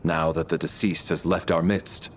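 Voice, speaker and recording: Man playing a low-voiced, stoic guardian fighter. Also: little pitch movement, normal speed, lightly acted. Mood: calm, dutiful. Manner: terse, controlled, formal. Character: stoic, terse male guardian fighter, aloof and dutiful. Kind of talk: video game voice acting.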